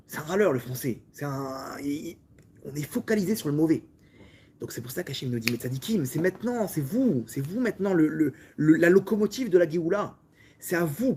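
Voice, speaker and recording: A man from France with a French accent, a rabbi giving a lively Torah lesson full of restarts and direct questions to his listeners. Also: on the high side, husky. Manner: repetitive, stumbling restarts, talks directly to listeners.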